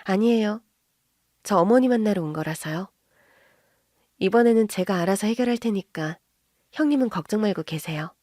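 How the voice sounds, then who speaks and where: Woman doing a cool, sharp-tongued sister-in-law. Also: medium pitch, normal speed, pauses often, dry recording, clean studio sound, close to an everyday voice. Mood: cool mocking. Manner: calm, cold, quietly mocking.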